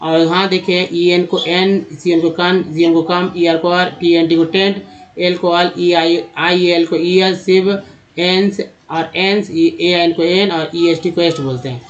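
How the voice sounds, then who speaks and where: In a Hindi-language phonics lesson, a man teaches English reading, steadily spelling out letter groups and repeating their sounds. His voice is high, his tone even, and his pace a little slow, all captured on a dull lo-fi recording.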